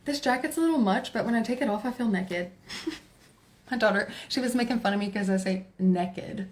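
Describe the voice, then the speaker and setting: A woman's voice: fairly high pitch, brisk. A woman in her forties with a Texan accent, hosting a casual tarot livestream, chatty and laughing as she talks to her viewers and to herself. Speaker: tarot reader livestream host.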